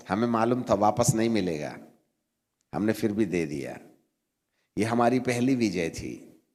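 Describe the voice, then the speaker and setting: A middle-aged man preaching a storytelling sermon, animated and acting out the voices in his story, rising to emphatic peaks. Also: mid-range voice. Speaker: bishop preaching. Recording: long hall reverb.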